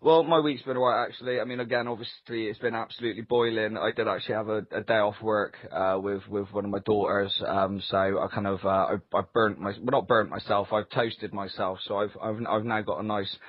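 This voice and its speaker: A man's voice: on the low side, fairly even intonation, brisk, few pauses, no echo. A man co-hosting a casual podcast, chatting in a rambling, dryly humorous way. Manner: rambling, sweary, dry humour. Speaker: podcast co-host. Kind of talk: casual comic anecdote chat. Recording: dull, lo-fi voice-call audio.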